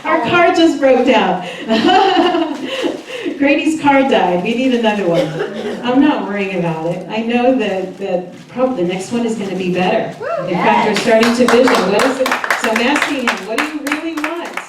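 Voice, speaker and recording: A woman minister giving a chatty, lively sermon and laughing often as she talks with the congregation. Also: on the high side, unhurried, crowd noise. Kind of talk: sermon with audience interaction. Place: church hall. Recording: echoey hall, voice from far off.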